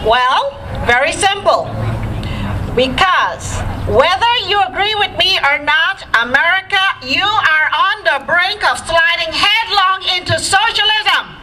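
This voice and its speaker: A woman's voice: very high-pitched, lively intonation, takes it slowly, sharp tone, slight background noise, low-quality recording. A woman from Guyana gives an emphatic, rousing political speech outdoors at a riverfront rally, calling out to the crowd. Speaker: rally speaker.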